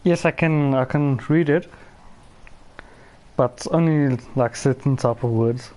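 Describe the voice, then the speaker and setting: Mellow man with an Afrikaans accent. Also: mid-range voice, slow pace. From South Africa. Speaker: gameplay streamer. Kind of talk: casual gameplay commentary.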